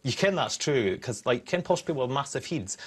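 An actor playing a cheerful, dim Scottish soldier who interviews guests in a comedy show, blunt and rambling. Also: male voice, mid-range voice, animated, brisk, husky. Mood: cheeky.

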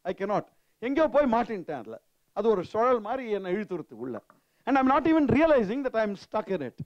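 A man's voice: high voice, big pitch swings, racing, dry recording, lo-fi sound. A man in his sixties with a South Indian accent, lecturing interactively with personal anecdotes and often checking that listeners agree, on a handheld microphone. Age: 60s. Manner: rhetorical questions and frequent checks for agreement; switches between English and Tamil. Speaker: retired professor giving a lecture. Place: indoor seminar room. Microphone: handheld microphone held near the mouth.

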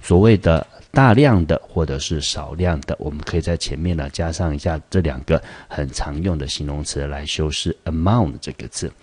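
Low husky Taiwanese Mandarin teacher. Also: male voice, a little mellow, dry recording. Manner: explanatory, drawn-out, stressing key words. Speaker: English teacher. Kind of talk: vocabulary lesson.

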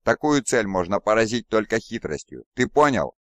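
A man's voice: fairly low pitch, expressive, moderate pace, no echo. Fulgrim, a man voicing a raging imperious demigod. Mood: contemptuous. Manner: imperious, raging, contemptuous shouting. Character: arrogant wrathful demigod warlord, male, towering.

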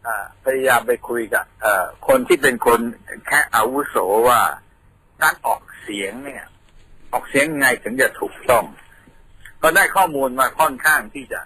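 A man's voice: mid-range voice, moderate pace, pushed and bright, slight background noise, low-quality recording. A man from Thailand, a radio guest patiently explaining things in a studio, telling them like a story.

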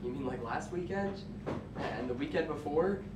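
A man's voice: on the high side, expressive, normal speed, natural voice. A young man playing a teenage friend who feels hurt and left behind, talking in a pleading, emotional way. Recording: roomy echo, noisy, from far off.

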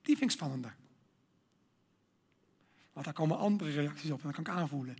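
A man giving a sermon, earnest and emphatic, building up to loud exhortation. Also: fairly high pitch, animated, brisk, husky.

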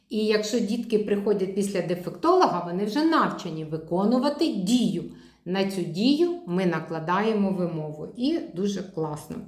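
A woman's voice: mid-range voice, darkish tone. Chatty speech therapist woman, echoey room. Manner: models syllables with slow, stretched repetition; chatty, explains while showing toys. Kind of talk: demonstration lesson.

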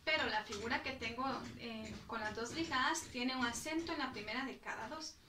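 A woman's voice: on the high side, brisk, noisy background. A woman music teacher patiently explaining bowing technique, counting out the strokes as she goes. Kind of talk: instructional explanation. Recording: roomy, from a distance.

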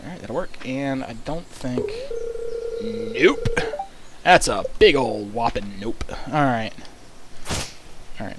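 A man's voice: mid-range voice, background noise. A young man giving casual, rambling gameplay commentary, thinking aloud and swearing casually. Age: young adult. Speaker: let's play host. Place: small room at home, indoors. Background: video game music.

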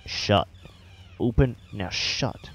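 A man's voice: lowish voice, drawn-out words, a bit bright, slightly rough, no echo. A man with an accent commentating his own horror game play, swearing and joking as he talks to the game. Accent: non-standard, says he has an accent. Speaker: gameplay commentator.

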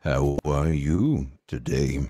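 A man playing a creepy, starving Wild West mortician in game roleplay, with a deadpan, deliberate, formal delivery and a husky voice. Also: no echo, heavily acted. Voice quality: very deep, husky. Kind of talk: improvised game roleplay in character.

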